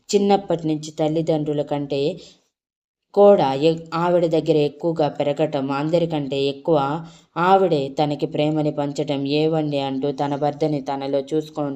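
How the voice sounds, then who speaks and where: A woman narrating an audio love story with a low, mellow voice. She reads steadily, pausing and correcting herself now and then. Her tone is dark and relaxed, never sharp. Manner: steady reading with small self-corrections.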